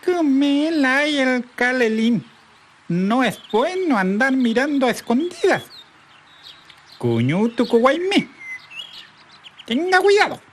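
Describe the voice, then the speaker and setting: Wary little partridge hen, voiced by the narrator: high and chirpy, scolds with a sharp tongue. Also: sing-song, slow, long pauses, slight background noise, exaggerated voice. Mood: scolding.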